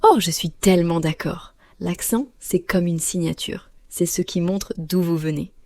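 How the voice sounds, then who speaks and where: Woman, podcast co-host, mellow tone, dry studio sound, clear deliberate delivery. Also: fairly low pitch, steady tone, dry recording. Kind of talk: scripted podcast dialogue for learners.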